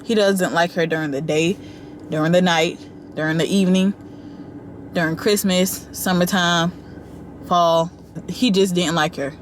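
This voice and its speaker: A woman giving casual, animated reaction commentary, talking straight to her viewers with slang and asides. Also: on the low side, unhurried, long pauses, a little hiss or hum. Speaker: commentary vlogger.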